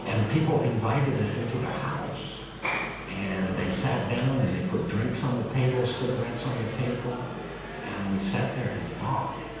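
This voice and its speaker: A man's voice: medium pitch, a little slow. A man in his sixties, a Vietnam veteran, recalling his past in a reflective, plainspoken documentary interview. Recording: very echoey hall, distant mic, crowd noise.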